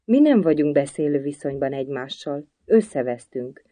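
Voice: mid-range voice, animated, dark tone, no echo, lightly acted. A storybook reader voicing a sighing, lecturing hatter at an endless tea party. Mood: gloomy. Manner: sighing, lecturing, sings a nonsense song.

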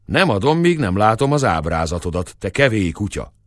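A proud old rival shepherd, hostile and distrustful, who taunts as he talks, played by a male narrator. The low voice jumps about in pitch. It is recorded dry and close. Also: big pitch swings, dry recording. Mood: suspicious.

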